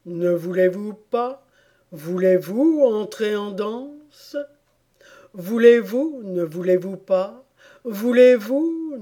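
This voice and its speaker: A woman reading an audiobook voices a weepy, sentimental sea-turtle creature with a drawn-out, plaintive delivery. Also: mid-range voice, dark tone. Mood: sing-song lament.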